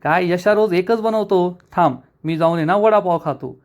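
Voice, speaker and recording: A man's voice: high voice, normal speed, lightly acted. A man retelling a TV serial scene, voicing a fussy, grumbling old father. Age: older.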